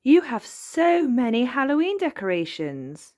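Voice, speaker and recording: Woman doing a bouncy, excitable piglet girl for a kids' storybook read-aloud; high, lively, eager. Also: measured pace, dry recording, clean studio sound. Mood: excited.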